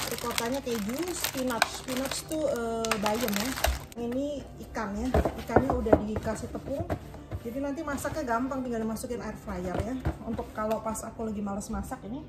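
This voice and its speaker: In a casual grocery unboxing vlog, a woman in her thirties talks in a slightly high voice as she unpacks shopping in her kitchen, frequently groping for words and slipping in English terms. The phone camera, held at arm's length, picks up a very noisy mix of loud background music and crinkling bags.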